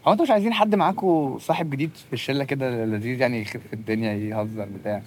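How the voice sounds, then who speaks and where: A man's voice: medium pitch, rapid-fire, a little mellow, slight background noise. A man with an Egyptian accent in a comic sketch, talking in a gushing, pushy way and repeating himself over and over. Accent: Egyptian Arabic. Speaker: overeager stranger in a comedy sketch.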